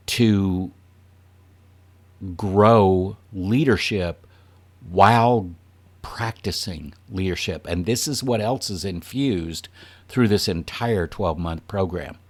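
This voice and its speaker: A man with a very low, deep voice speaks as a leadership trainer addressing an audience. His delivery is earnest and emphatic, with a light chuckle now and then. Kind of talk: presentation to an audience.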